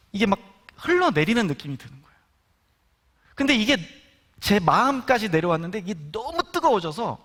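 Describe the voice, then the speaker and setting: Lively high-voiced man giving a testimony. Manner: animated storytelling, acting out quotes. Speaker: guest speaker at prayer meeting. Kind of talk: testimony sermon.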